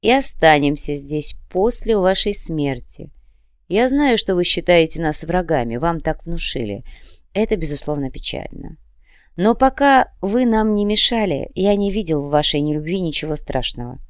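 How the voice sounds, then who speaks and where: A woman's voice: fairly low pitch, big pitch swings, moderate pace, clean tone, no echo, clean studio sound. A woman voicing a polite but menacing male demon commissar who threatens in a cold, courteous way. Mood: cold menace. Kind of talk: audiobook character reading.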